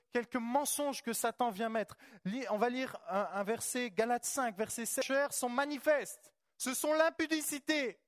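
A man delivers a fervent charismatic sermon in a notably high voice. He repeats his points and throws rhetorical questions at the congregation for them to answer. The sound is dry and close, with little room echo. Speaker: preacher.

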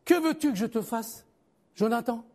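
The sermon comes from a man talking at normal speed in a spirited, conversational way. One moment he's calling loudly to his listeners, the next he's offering a quiet, low aside.

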